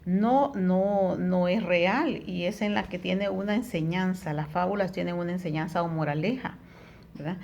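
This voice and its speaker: A woman's voice: fairly low pitch, normal speed, gravelly, a little mellow, highs cut off, slight background noise. A woman teaching a lesson, explaining patiently, with frequent tag questions and fillers. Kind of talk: recorded Spanish tutoring lesson.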